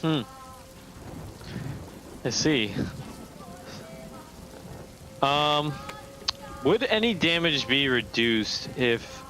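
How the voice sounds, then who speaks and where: A man's voice: medium pitch, sharp tone, rough recording. A man chatting casually as a player in a tabletop role-playing game. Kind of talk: casual chat.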